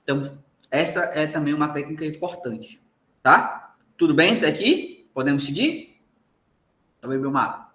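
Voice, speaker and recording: A man's voice: a little high, expressive, normal speed, pushed and bright, echoey room. A man with a Brazilian Portuguese accent giving a recorded lecture to law students, emphatic and often checking in with the class.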